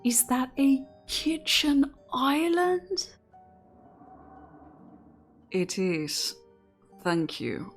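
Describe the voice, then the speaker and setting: A woman's voice: high-pitched, big pitch swings, extremely slow, pauses often, faint music behind. A young woman commenting on a game she plays, reading its text aloud and reacting with delight. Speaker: gaming channel host.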